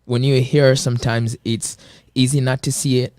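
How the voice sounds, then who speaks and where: A man's voice: mid-range voice, little pitch movement, normal speed, darkish tone, dry recording, studio quality. A man in his twenties from Kenya, a personal trainer speaking earnestly as an interview guest, with lots of filler words. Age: 20s. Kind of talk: casual interview.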